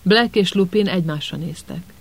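A man narrating an audiobook with steady, dramatic storytelling. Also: high-pitched, creaky, rough recording.

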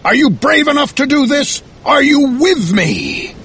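A fierce old-sea-tale whaling captain, pitched high and swooping widely. He declaims with roaring, vengeful obsession, dragging his words for dramatic weight in an audiobook style. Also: wildly swooping pitch, unhurried, a bit bright, slight background noise, full character voice. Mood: fierce, commanding.

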